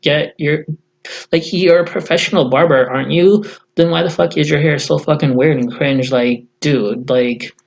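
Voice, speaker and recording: A man's voice: on the high side, moderate pace, vocal fry, lo-fi sound. A man in a casual vlog rant, blunt and profane, rambling with many fillers, who says he has just woken up. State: just woke up. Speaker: YouTuber.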